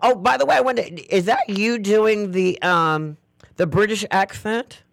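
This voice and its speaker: A man's voice: high voice, a little slow, gravelly, a bit bright, dry recording. A man hosting a talk show, chatting with a guest in a sassy, playful way and laughing often. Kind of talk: casual interview chat.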